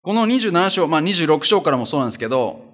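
A man's voice: a little high, sing-song, quick pace, fairly bright tone. Man reading scripture and preaching. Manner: reads scripture steadily, then explains in a plain conversational tone. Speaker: pastor. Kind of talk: Bible reading with sermon commentary.

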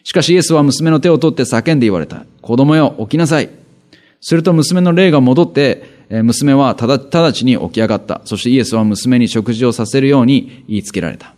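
A man's voice: mid-range voice, brisk, hardly any pauses, darkish tone. A male pastor preaching, reading Bible verses aloud and then explaining them in a conversational way, with rhetorical questions and asides.

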